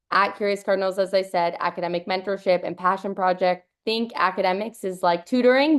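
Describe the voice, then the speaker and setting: A woman's voice: on the low side, clean tone. A young woman, founder and CEO of a company, giving an upbeat, fluent webinar presentation over a video call, with an occasional "um". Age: young adult.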